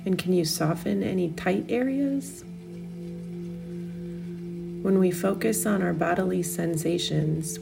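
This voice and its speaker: Slow, creaky-voiced woman guiding meditation. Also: fairly low pitch. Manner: soothing, unhurried instruction with long pauses. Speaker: meditation guide. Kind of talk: guided meditation narration.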